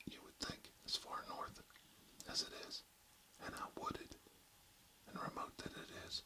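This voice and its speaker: A man hosting ASMR in a very close, breathy whisper with deliberate phrasing into a binaural microphone. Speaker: ASMR host.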